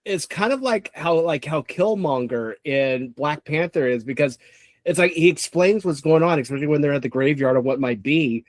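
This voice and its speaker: Man podcast co-host, slightly high voice, dry close mic. Rambling, restarts often. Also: moderate pace, no room sound. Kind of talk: casual chat.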